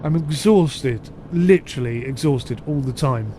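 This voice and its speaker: A man's voice: medium pitch, unhurried, warm tone, a little hiss or hum. A man casually commenting on a ship simulator during a live stream, chatty and self-deprecating, reading chat comments aloud.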